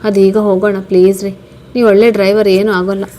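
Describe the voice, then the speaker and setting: A woman's voice: mid-range voice, level tone, fast, mellow, lightly acted. A woman voicing a young pregnant wife who is affectionate and playful, coaxing and pleading in a plain storybook voice.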